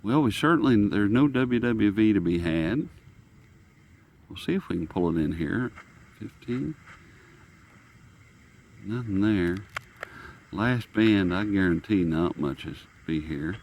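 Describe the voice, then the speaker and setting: A man with a fairly low, expressive voice hosts a radio hobbyist channel, giving a casual, unscripted demonstration in a folksy, rambling way as he muses aloud. He speaks slowly with long pauses while a shortwave radio is tuned in the background. The sound is lo-fi with slight background noise.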